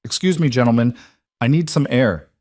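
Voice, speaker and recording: A man voicing a sharp, guarded young woman who speaks calmly and with poise. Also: mid-range voice, dry recording, clean studio sound, voice pushed up, close to an everyday voice. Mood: composed. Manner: calm, poised, measured.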